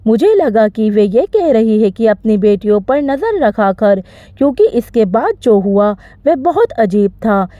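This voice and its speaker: A woman narrating an emotional first-person story in an expressive storytelling manner. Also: a little high, unhurried, no room sound. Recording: slightly dull, dry recording.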